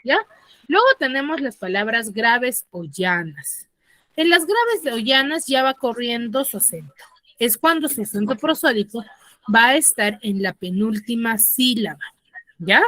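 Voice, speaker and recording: Woman teacher, higher voice, very dry close sound, step-by-step explaining, video call class. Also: expressive, unhurried, bright, forceful tone, dry recording. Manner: explains step by step, checks in with frequent "¿ya?". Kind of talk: online class lecture. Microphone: computer mic on a video call.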